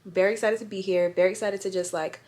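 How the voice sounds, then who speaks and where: A woman's voice: mid-range voice, fast talker. A young adult woman talking casually to camera in a fashion vlog, chatty and slangy, speaking straight to her viewers. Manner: chatty, slangy and relaxed, addresses viewers directly. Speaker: fashion influencer.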